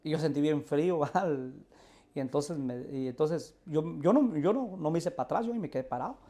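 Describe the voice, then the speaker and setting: A man's voice: on the high side, lively intonation, fast talker, mellow. A male pastor, telling his testimony earnestly and acting out the voices in his story. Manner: earnest storyteller, acts out quoted dialogue.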